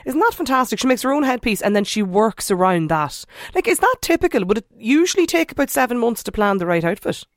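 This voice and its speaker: A woman's voice: a little high, sing-song, fast, few pauses, no echo, clean studio sound. An Irish woman hosting a live radio interview in a chatty, questioning way, rephrasing as she goes. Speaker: radio talk show host. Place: radio studio.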